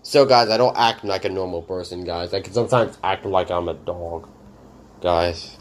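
This reaction channel host has a deep voice and talks at a normal speed over slight background noise. He rambles casually, working "guys" into almost every sentence as he addresses viewers.

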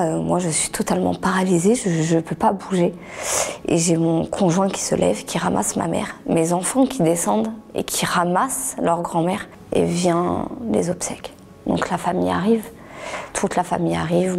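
A middle-aged woman and author telling her story in an interview, halting, restarting words and sometimes sinking to a near whisper. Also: lowish voice, creaky, darkish tone, slight background noise. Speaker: author giving a testimony. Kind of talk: personal testimony interview.

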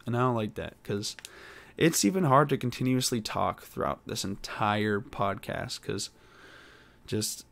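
Rambling young man, low voice. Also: vocal fry, fairly bright tone. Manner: rambling, hesitant, many pauses and fillers. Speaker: podcast host. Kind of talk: casual solo podcast monologue.

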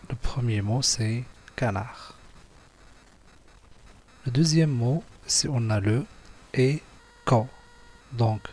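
Brief: patient male schoolteacher, unhurried, correcting a workbook page for small children. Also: medium pitch, darkish tone, a little hiss or hum. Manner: patient, spells letters and syllables one by one. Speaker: teacher. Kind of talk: slow classroom exercise walkthrough.

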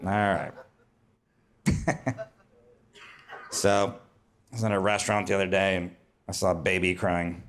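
A man's voice: deep voice, level tone, a little slow, pauses often. A man doing a stand-up comedy set on a club stage, talking in a wry, conversational way into a handheld mic. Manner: wry, conversational, jumps to loud put-on whines.

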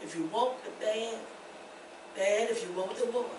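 An older woman pastor preaching a testimony sermon, rising to shouts and laughing. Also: on the high side, normal speed, background noise. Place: church. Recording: echoey church from far off.

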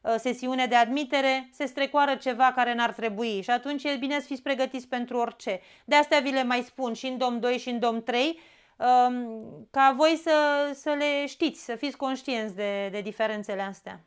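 A woman with a Romanian accent teaching an exam-prep grammar lesson, explaining step by step and often checking in with a quick "da?". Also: fairly high pitch, clear, resonant tone.

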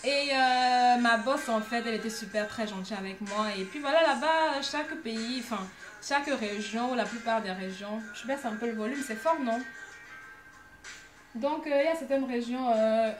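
A young woman vlogging casually, telling anecdotes in an animated, ironic way with lots of hesitations. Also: a little high, moderate pace, music in the background. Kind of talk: casual storytelling vlog.

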